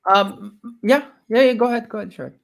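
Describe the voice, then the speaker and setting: A man co-hosting an online panel, asking questions in a relaxed and encouraging way. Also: sits high, a little fast, creaky. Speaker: co-host. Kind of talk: casual online panel chat.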